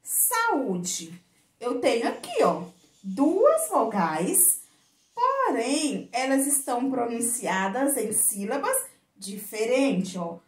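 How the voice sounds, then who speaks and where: A Brazilian Portuguese woman teaching young children on video, her voice a little high and swinging widely in pitch. She draws out her words slowly and with sing-song emphasis. The room echoes around her. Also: very animated, slight background noise. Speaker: primary school teacher.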